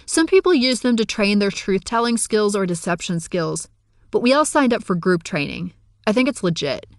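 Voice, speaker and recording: A woman's voice: mid-range voice, sing-song, normal speed, no room sound, clean studio sound. Woman voicing a know-it-all gamer woman. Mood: explaining. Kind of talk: audiobook character reading.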